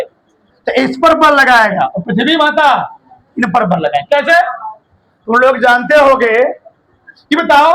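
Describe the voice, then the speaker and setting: High-voiced man teaching a physics class. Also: fairly bright tone, rough recording. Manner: quizzes students with rhetorical questions; colloquial, addresses listeners as brother.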